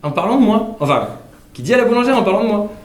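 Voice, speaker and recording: A man's voice: sits high, big pitch swings, fast. A man comedian telling a story on stage, rambling and correcting himself as he goes. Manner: rambling, self-correcting narration. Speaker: comedian and singer. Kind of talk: storytelling stand-up with songs. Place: theatre stage in front of an audience. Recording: roomy live stage with guitar music.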